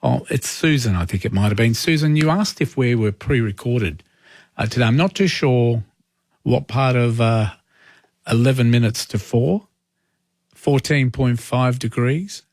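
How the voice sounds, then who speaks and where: A man's voice: medium pitch, measured pace, a little mellow, no echo. A man with an Australian accent hosting a live overnight phone-in, chatting in a hesitant, conversational way. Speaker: overnight talk radio host. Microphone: close studio microphone.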